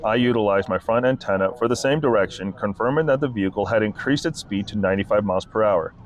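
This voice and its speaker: A man, a state trooper, reading his incident report aloud in a flat, formal, methodical way. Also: fairly low pitch, quick pace, lo-fi sound.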